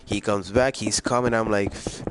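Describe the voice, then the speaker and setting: A man's voice: fairly low pitch, fairly even intonation, moderate pace, background noise. A man telling a long personal story in a casual, rambling way, full of fillers and slang. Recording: clear music behind the voice. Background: music.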